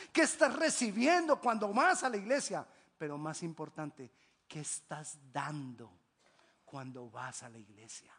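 High-voiced preacher, dramatic swings. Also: male voice. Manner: emphatic preaching, swinging between loud exclamations and hushed low drops; rhetorical questions and repetition. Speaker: pastor. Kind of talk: sermon.

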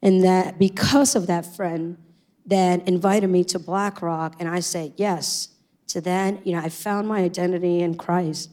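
Here a Puerto Rican woman of middle age, whose first language is Spanish and who carries a Puerto Rican accent, offers her testimony to the church. Her fairly low, darkish voice keeps a fairly even intonation at a measured pace. She comes across as earnest and reflective, often saying um.

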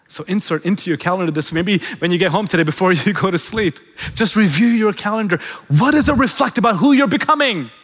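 A man preaching a sermon as pastor, swinging between loud, emphatic peaks and hushed, quiet passages. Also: sits high, lively intonation, fast talker. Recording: long reverb of a large hall.

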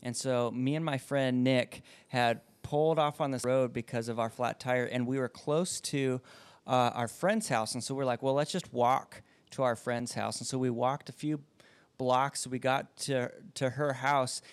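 A man who is a pastor, telling stories in a casual podcast chat with lively delivery. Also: medium pitch, a little slow, dry recording. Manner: lively storyteller, acts out voices in anecdotes.

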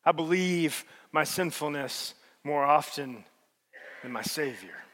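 Male pastor, high voice, sermon delivery with big dynamic swings, long reverb of a large church hall. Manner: swings between loud emphatic peaks and soft low passages.

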